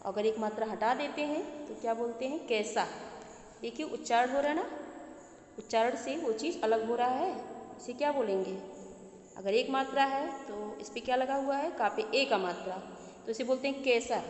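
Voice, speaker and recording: Woman teacher in an echoey room. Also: high voice. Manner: asks the class questions and answers them herself. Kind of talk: grammar lesson for children. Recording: echoey room, faint background noise.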